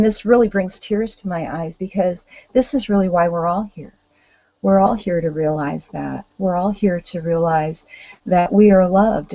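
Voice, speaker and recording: A woman speaking in a calm, gentle, reassuring way, giving an earnest motivational talk as a spiritual teacher. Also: lowish voice, no echo, dull audio.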